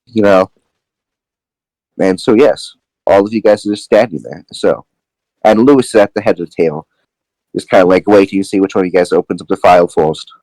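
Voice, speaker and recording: A man's voice: deep voice, brisk, long pauses, a little mellow, no echo, low-quality recording. A man narrating as game master in a casual, rambling way with many fillers.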